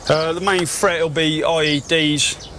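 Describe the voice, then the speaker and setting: A man's voice: a little high, fairly even intonation, unhurried, sharp tone, a little hiss or hum. A British man briefing soldiers informally as patrol leader, blunt and instructive, recorded outdoors. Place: outdoors at a military checkpoint.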